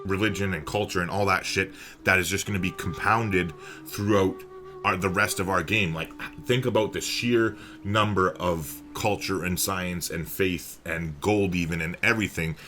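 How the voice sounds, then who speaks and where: A man's voice: low-pitched, sharp tone. A man giving casual, enthusiastic strategy game commentary, chatty and swearing freely.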